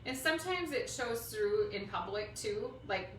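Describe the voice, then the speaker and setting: This middle-aged woman, a Minnesota native with the accent to match, speaks unhurriedly in a slightly high voice with lively intonation. She rambles casually while hosting a craft livestream for her audience, from a roomy indoor space at home, captured by a distant mic with roomy sound and faint noise.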